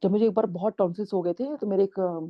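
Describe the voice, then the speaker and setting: A woman's voice: mid-range voice, steady tone, fast. Middle-aged lady sharing a faith story, earnest, mixes in english words, muffled lo-fi audio. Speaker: satsang speaker sharing a testimony. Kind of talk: devotional testimony storytelling. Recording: dull lo-fi recording.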